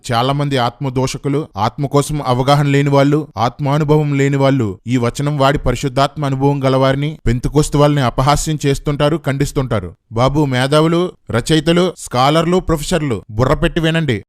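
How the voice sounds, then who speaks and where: A man's voice: medium pitch, steady tone, brisk. A man preaching as a pastor, scolding and sarcastic, firing one rhetorical question after another in a combative rebuttal sermon.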